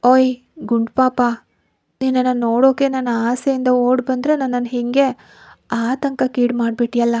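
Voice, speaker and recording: A woman's voice: sits high, little pitch movement, measured pace, warm tone, no room sound, clean studio sound. A woman voicing an intense, possessive young husband who talks brusquely, teases and turns tender, in a spoken story. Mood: tender scolding.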